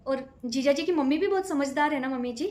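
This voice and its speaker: A woman's voice: high voice, fast talker, darkish tone, lightly acted. A woman playing a young, educated daughter-in-law who politely argues and pleads to be allowed to take a job. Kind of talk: comedy skit acting. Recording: echoey room.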